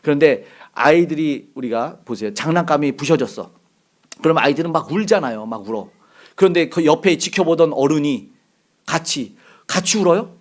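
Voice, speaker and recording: A middle-aged male pastor preaching a sermon, lively and acting out the voices he quotes. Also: a little high, moderate pace.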